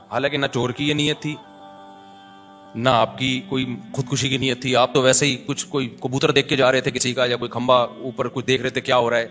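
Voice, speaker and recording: A man with a Karachi Urdu accent giving a religious lecture, moving between chanted recitation and chatty, animated asides. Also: medium pitch. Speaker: preacher.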